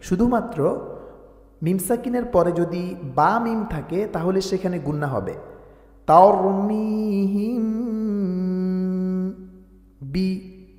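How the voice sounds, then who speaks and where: A man's voice: high voice, expressive, unhurried, a little mellow. A man teaching Quran recitation. He chants verses, splits words into syllables and explains the recitation rules. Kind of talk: slow syllable-by-syllable recitation lesson. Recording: echoey room with long reverb.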